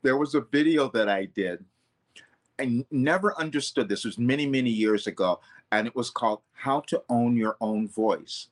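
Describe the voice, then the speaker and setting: A male vocal coach speaks in a mid-range voice at a moderate pace. Talking reflectively in an interview, he comes across as earnest and loose, regularly correcting himself mid-sentence.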